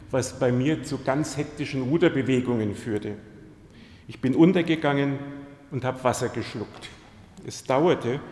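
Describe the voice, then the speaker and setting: A man's voice: mid-range voice, darkish tone. A man giving a sermon, telling personal stories and turning to the congregation with direct questions. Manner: storytelling, addresses the congregation directly. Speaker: pastor. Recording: echoey church hall.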